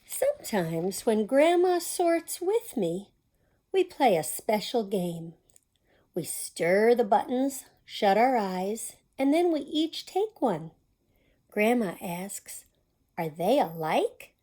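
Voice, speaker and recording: A community library storytime host reads a children's picture book with a warm, medium-pitched voice. She's very animated but slow-paced, bringing the story to life and chatting briefly with the little listeners.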